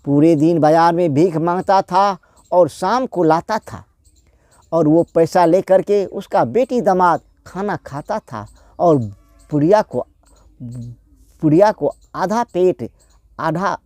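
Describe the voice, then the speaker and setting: A man narrates a moral folk tale in an unpolished, repetitive manner, restarting phrases as he goes. He speaks slowly with a mellow, dark tone. The recording is close and dry. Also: a little high, animated, no echo. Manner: plain, repetitive retelling with restarts. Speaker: storyteller.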